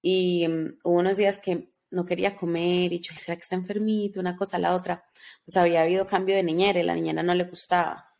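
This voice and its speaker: Gravelly-voiced woman podcast host. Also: fairly low pitch, level tone, fast. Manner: chatty, warm thanks, conversational. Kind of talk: casual podcast conversation.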